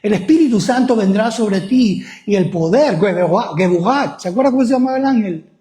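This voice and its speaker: A man's voice: sits high, expressive, normal speed, warm tone, roomy sound. A male pastor preaching a sermon, often putting questions to the congregation.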